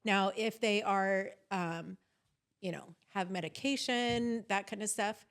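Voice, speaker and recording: A woman therapist on a podcast who speaks in a chatty, eager way and keeps clearing her throat. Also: mid-range voice, slow. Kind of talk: casual conversational interview.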